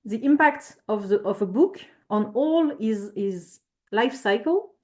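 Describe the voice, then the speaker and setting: A woman presents at a conference, walking through slides in a hesitant way, full of fillers and corrections of her own words. Her voice sits a little higher than most women's. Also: expressive, unhurried, darkish tone.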